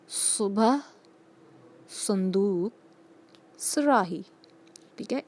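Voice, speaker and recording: A woman teacher giving a patient recorded phonics lesson to young children, repeating each sound slowly and checking in with them often. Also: mid-range voice, a little mellow. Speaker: school teacher.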